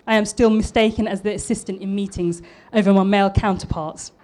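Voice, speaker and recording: A woman's voice: medium pitch, fairly even intonation, a little fast, a little mellow. A woman in her thirties from East London with a polished southern English accent, giving a prepared public talk in an earnest, slightly nervous way with small restarts. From East London, England. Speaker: public speaker and architect.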